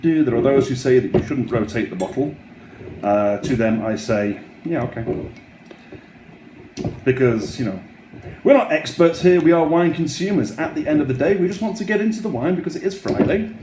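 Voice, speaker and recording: A man hosting a casual wine tasting, talking in an unhurried, musing way with short trailing phrases. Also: medium pitch, lively intonation. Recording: roomy echo, faint background noise.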